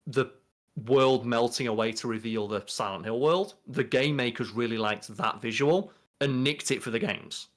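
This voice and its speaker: This young man co-hosts a podcast and joins by video call from his bedroom; his medium-pitched voice moves at normal speed as he chats loosely about movies, explaining in a meandering way.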